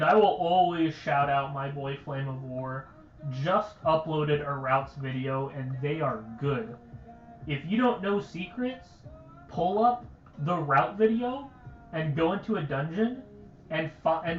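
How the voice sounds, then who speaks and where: A young man with a slightly high voice talks casually on a game stream, rambling and stammering, scattering "like" through every sentence. The sound is dull and roomy, with a faint steady hiss behind it. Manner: rambling, stuttering, full of "like". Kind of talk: casual livestream talk.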